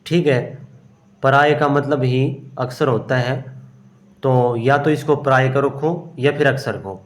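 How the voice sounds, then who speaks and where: A man teaching exam-prep grammar, working through each question aloud and answering his own questions. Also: medium pitch. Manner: explains step by step, asks and answers himself; slow and unhurried, often says "okay". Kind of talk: solving a grammar test aloud.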